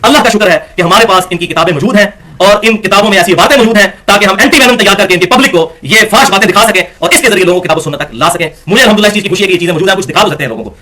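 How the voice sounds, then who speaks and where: A man giving an emphatic, argumentative religious lecture, slowing down to recite scripture verses. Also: high-pitched, bright, forceful tone. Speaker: religious speaker.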